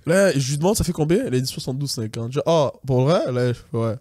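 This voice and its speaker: Fast-talking young man, animated storyteller. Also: mid-range voice, no echo. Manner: animated, mixes English slang, acts out voices. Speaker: podcast co-host. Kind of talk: casual storytelling.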